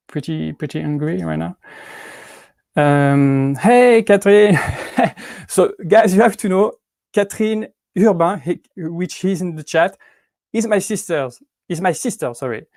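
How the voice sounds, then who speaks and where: A man in his thirties with a French accent hosts a casual livestream from home. His voice sits a little high for a man. He talks in halting bursts full of restarts and fillers, and the sound is dry and close. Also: darkish tone, dry recording. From Switzerland. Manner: hesitant, many restarts and fillers, laughs often. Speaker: YouTube prop-making channel host. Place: indoors at home with cats.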